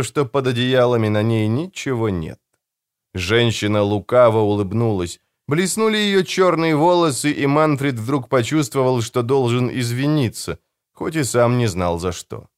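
Man narrating a dark fantasy audiobook. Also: mid-range voice, smooth. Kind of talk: dramatic scripted narration.

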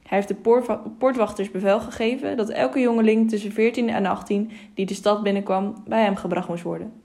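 A woman's voice: medium pitch, fairly even intonation, fairly quick, warm tone, close to an everyday voice. A careful, worried scribe of a town hall, as a woman reading a storybook voices him. He talks plainly and cautiously. It stays close to the reader's own voice.

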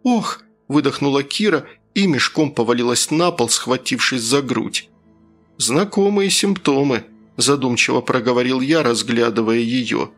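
A man reading a first-person fantasy audiobook in a steady storytelling voice. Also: medium pitch, normal speed, few pauses, faint music behind. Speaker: audiobook narrator.

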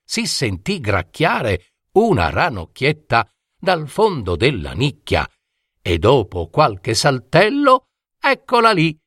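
A man telling a fairy tale slowly and dramatically. His voice rises and falls widely, lingering on each phrase. The recording is dry and close. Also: fairly high pitch, no room sound. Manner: slow, expressive, dramatic. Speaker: storyteller.

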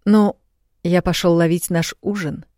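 A woman reading an audiobook, voicing a tender young prince who speaks softly and murmurs. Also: lowish voice, steady tone, measured pace, no echo, clean studio sound, natural voice. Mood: brisk.

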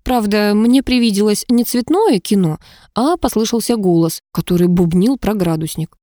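A woman narrates a first-person audiobook in a wry, lively storytelling style. Her mid-range voice is mellow and dark, delivered at normal speed. A close mic keeps the sound dry, with no room around it.

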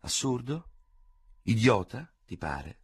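A man's voice: on the low side, very animated, a little fast, breathy edge, no room sound, voice pushed up. A man voicing a proud, cold French general who speaks with formal, ironic gravity. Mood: coldly ironic.

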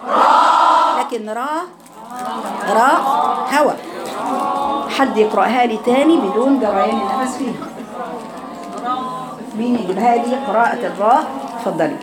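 A woman's voice: a little high, heavy background noise. Egyptian woman teacher drilling letter sounds. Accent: Egyptian Arabic. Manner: corrective, repeats sounds slowly with drawn-out demonstrations. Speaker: Quran recitation teacher. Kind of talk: online recitation class.

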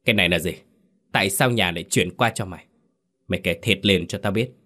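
A man's voice: low voice, normal speed, fairly bright tone. A man voicing a stern, angry young older brother in a horror story reading, harsh and scolding. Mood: furious.

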